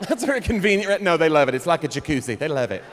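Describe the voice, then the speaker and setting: A young man performing a stand-up comedy set, animated and breaking into loud character bits. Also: a little high, rapid-fire. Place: comedy club stage. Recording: live room with long reverb, faint crowd noise.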